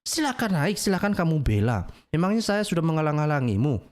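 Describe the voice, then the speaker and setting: A man's voice: a little high, very animated, brisk. A man with an Indonesian accent hosting a livestream, talking in an argumentative, mocking way and challenging his audience. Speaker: livestream host.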